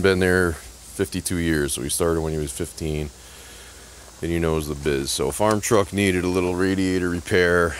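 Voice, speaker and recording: Middle-aged man, very low voice, from Connecticut, sarcastic rambling vlog, phone camera outdoors in a yard, faint background hiss. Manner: sarcastic, joking, scattered. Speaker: YouTube vlogger and truck tinkerer. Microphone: handheld phone camera, speaker off-screen.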